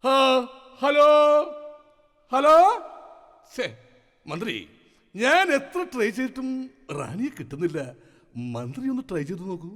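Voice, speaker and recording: A man's voice: high voice, very animated, moderate pace, long pauses, in a large hall, heavily acted. A man playing a blustering comic king. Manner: loud, exasperated, theatrical comic delivery. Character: bumbling vain king, middle-aged man. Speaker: comedian in stage skit. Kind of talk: live stage comedy skit.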